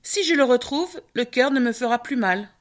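A woman's voice: a little high, lively intonation, normal speed, lightly acted. A woman voicing a grief-stricken young male hunter who has lost his brother, speaking in an anguished, pleading way. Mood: sorrowful.

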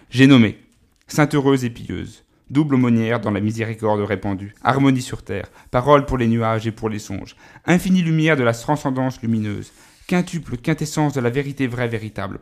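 Guy doing a pompous over-the-top recital, mid pitch. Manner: pompous, grandiloquent. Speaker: comic performer. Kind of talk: mock-solemn poetic recitation.

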